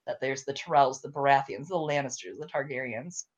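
A woman's voice: very deep voice, brisk. A young woman hosting a podcast, chatting casually and ranting with frequent swearing. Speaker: podcast host.

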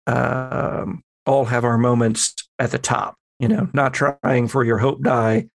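Speaking slowly in a level, creaky, mid-range voice, a game master who also hosts a podcast lays out the rules for his players and guides them with questions. His audio comes from a close personal mic on a remote group call.

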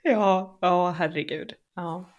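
Lively woman in casual chat. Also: lowish voice, muffled recording. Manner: animated storyteller who acts out quoted reactions.

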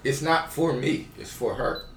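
A man's voice: mid-range voice, a little slow, crowd noise. A young man telling stories and joking casually in fragmented, slangy phrases. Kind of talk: casual storytelling and banter. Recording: echoey distant mic, voices behind.

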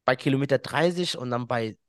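A man's voice: medium pitch, brisk, no echo, studio quality. A man, a podcast guest who tells a story in casual chat, laughs often and acts out what people said.

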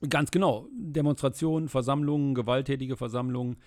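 A middle-aged man from the Rhineland, answering questions in a casual interview, fluent and steady with frequent filler sounds. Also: medium pitch, a little fast. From Germany, Rhineland. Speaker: interview guest, state politician.

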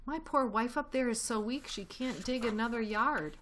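Woman voicing an agitated badger, pitched up high. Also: moderate pace, a bit bright, close to an everyday voice. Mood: despairing. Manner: exclamatory, agitated. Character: excitable, anxious male badger, father and digger.

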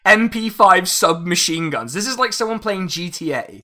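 Male podcast host, slightly high, bright and crisp tone; wry, profane, quick to laugh. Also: expressive. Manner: laughs often, swears, chatty and wry. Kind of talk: casual history podcast chat.

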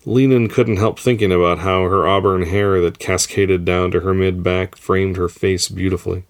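Deep-voiced man reading a story. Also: fairly even intonation, moderate pace. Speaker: story reader. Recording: faint music underneath.

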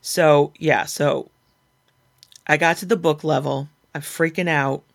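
Candid, animated woman author. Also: low-pitched, gravelly. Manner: animated, acts out her inner dialogue in quick quoted asides; frank and self-deprecating. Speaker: podcast guest, author. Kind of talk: casual interview chat.

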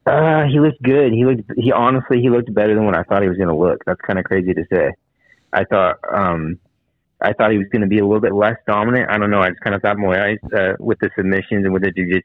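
A man's voice: sits low, no room sound. A man calling into a casual chat over a flip phone, laid-back and easygoing. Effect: tinny flip phone call audio. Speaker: podcast co-host calling in. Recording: tinny flip phone line.

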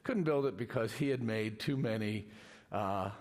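An older man, a rabbi, giving an informal, halting, self-deprecating lecture, his voice slightly muffled by a face mask. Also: on the low side. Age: older, a grandfather. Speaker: rabbi, guest teacher.

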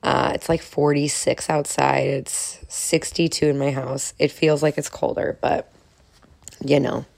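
A woman podcast host with a nasal, stuffed-up voice from a cold, chatting casually and relaxed as if lying in bed. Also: very deep voice, measured pace, gravelly. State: getting over a cold. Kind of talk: casual solo podcast chat. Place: bedroom, recording in bed.

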